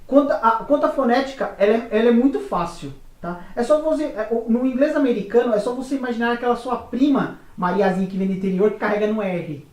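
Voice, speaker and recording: A chatty woman co-host explains things in a loose, relaxed way, full of little fillers. She sits some distance from the mic, and the room around her rings with echo. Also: a little high, fast, few pauses. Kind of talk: casual explainer chat. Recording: echoey room, away from mic.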